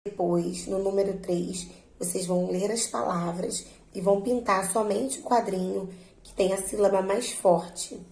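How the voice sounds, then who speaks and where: A woman teacher slowly and patiently walking her students through a worksheet, drawing out words to stress their syllables. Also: mid-range voice, steady tone, gravelly, a little mellow, echoey room, low-quality recording. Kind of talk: remote lesson walking students through exercises.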